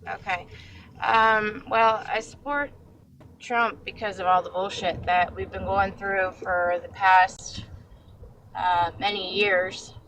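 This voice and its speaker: A woman calling into a live debate, hesitant and halting as she explains her views. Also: medium pitch, little pitch movement, a bit bright, a little hiss or hum, poor audio. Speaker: caller.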